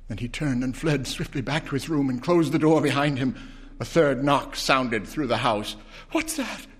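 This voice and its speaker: A man giving a dramatic live reading of a short story, moving from hushed whispers to urgent intensity. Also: medium pitch, moderate pace, breathy edge. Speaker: story reader.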